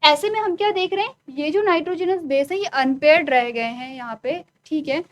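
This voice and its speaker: A woman's voice: high-pitched, moderate pace, rough recording. A woman teaching biology in a virtual classroom lecture, explaining step by step and answering her own questions. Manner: explains step by step, asks questions then answers them, frequent "ठीक है" check-ins. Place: studio classroom.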